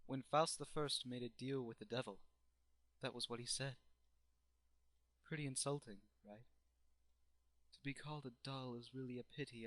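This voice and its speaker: A man's voice: medium pitch, fairly bright tone, no room sound, natural voice, poor audio. Man voicing Faust the Eighth, intense obsessed doctor. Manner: theatrical, brooding, formal. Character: grieving, obsessed German male doctor turned necromancer. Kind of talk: dramatic anime fandub monologue.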